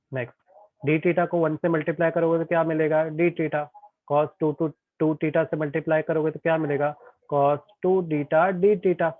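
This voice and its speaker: A man's voice: a little high, no echo. A male tutor teaching an online physics class, chatty and often checking that students follow. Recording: tinny phone-like online class audio.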